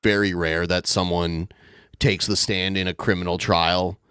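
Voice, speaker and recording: A man's voice: low voice, little pitch movement, unhurried, fairly bright tone, smooth, dry recording, clean studio sound. A man giving casual reaction commentary with blunt, crude jokes.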